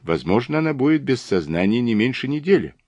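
A man reading as a soft-spoken, shrewd old detective. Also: mid-range voice, sing-song, no room sound, pitched above the performer's own voice. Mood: measured. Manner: soft, measured and knowing. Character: shrewd, gentle older male Belgian detective.

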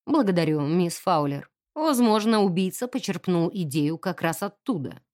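Woman doing a quiet polite inspector. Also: lowish voice, lively intonation, no room sound, clean studio sound, voice pushed down, natural voice. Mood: calm polite. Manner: quiet, courteous, measured. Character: calm polite male police inspector.

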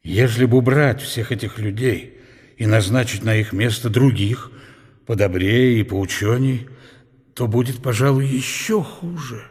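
In a radio drama's inner monologue, an actor plays an ailing, aging scholar who reflects bitterly yet proudly on his country. His husky voice is mid-range and a little mellow, deliberate and weighty, with a weary, resigned mood and a philosophical bent. Music plays behind him.

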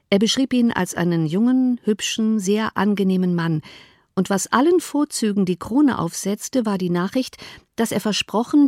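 A woman reads a classic novel aloud in calm, composed narration. Her pitch sits in the middle of the usual range. The recording is close and dry, with no room sound. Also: no echo. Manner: even, composed storytelling. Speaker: audiobook narrator.

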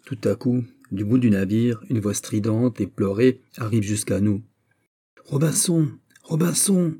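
A male narrator reads a classic novel aloud in audiobook style. His voice is deep in color, very dark and mellow, with a husky grain. He reads expressively and raises his voice on exclamations. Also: fairly even intonation, moderate pace.

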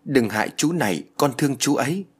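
A man reading a ghost story and voicing a frightened, clingy little girl with high, pleading cries. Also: very animated, brisk, slightly rough.

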